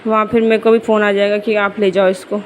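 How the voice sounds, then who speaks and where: A young woman filming a casual home vlog, chatting about her day and coaxing her little daughter in a lively sing-song. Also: medium pitch, fast talker, a little hiss or hum, poor audio. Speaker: vlogger mother.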